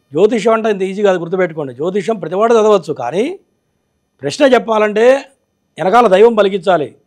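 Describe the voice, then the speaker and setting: High-pitched fast-talking male astrologer. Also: darkish tone. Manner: authoritative, lecturing, keeps asking for agreement. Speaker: astrologer on a call-in show. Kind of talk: call-in astrology consultation.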